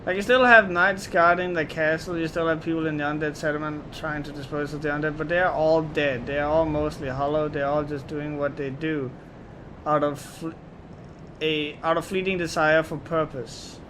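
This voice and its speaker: A man's voice: a little high, steady tone, moderate pace, bright, forceful tone, a little hiss or hum. A man casually commenting on a video game as he plays, rambling, swearing and joking. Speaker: let's play host.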